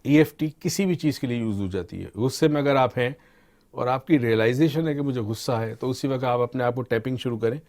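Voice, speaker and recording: Calm explaining middle-aged man. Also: medium pitch. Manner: calm teaching tone, mixes English terms into Urdu. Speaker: expert guest on motivation and mind training. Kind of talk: explanatory discussion.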